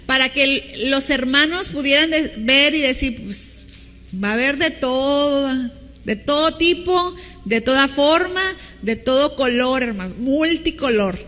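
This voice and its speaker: A woman's voice: sits high, measured pace, a bit bright, long reverb tail. A woman pastor with a Mexican Spanish accent, preaching a teacherly sermon and asking the congregation questions. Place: church hall with long reverb.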